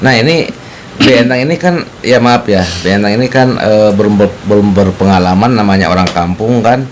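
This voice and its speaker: A man's voice: lowish voice, normal speed, slight background noise. A man hosting an interview, asking polite, curious questions with apologetic asides. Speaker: host interviewer.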